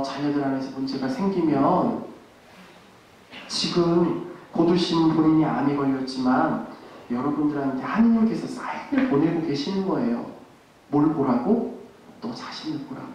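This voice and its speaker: Priest lecturing in an echoey hall. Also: male voice, a little high, a little mellow, distant mic, highs cut off, a little hiss or hum. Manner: earnest, asks the audience questions and answers them himself. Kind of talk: parish lecture to parents. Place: parish hall.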